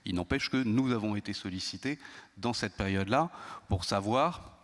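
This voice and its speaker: Man, lowish voice, halting careful panel speaker, hall echo. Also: a bit bright. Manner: measured, many hesitations and restarts. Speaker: intelligence service panelist. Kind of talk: round-table talk. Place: conference hall. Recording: long hall reverb.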